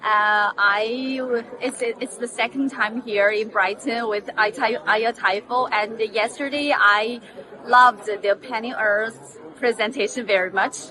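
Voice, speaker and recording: Woman from china, halting english, bit high voice, crowd noise around. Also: steady tone. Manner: hesitant, halting, friendly. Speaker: conference attendee. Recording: crowded conference hall.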